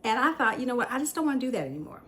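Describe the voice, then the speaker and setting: A woman's voice: on the high side, big pitch swings, very fast, a bit bright. A middle-aged woman hosting a casual chat show, talking candidly and laughing at herself often. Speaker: podcast host. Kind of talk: casual tea-time chat.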